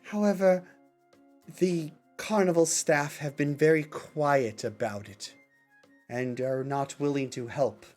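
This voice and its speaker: A man voicing a sly, evasive kenku bird-person who explains himself haltingly in a tabletop game. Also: fairly high pitch, darkish tone, soft background music. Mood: earnest, pleading.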